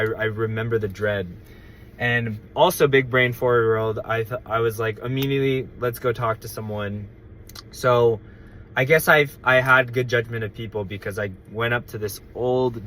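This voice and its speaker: Bright-voiced young man telling a story. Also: medium pitch. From United States. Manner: animated, acts out quoted voices; rambling with fillers and restarts. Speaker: storyteller host. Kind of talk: casual storytelling.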